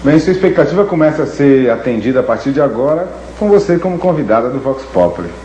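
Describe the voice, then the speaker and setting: A man interviewing a guest on television, asking formal broadcast questions in a measured, courteous manner. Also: mid-range voice, lively intonation, mellow, slight background noise. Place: TV studio. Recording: echoey 1970s TV studio audio.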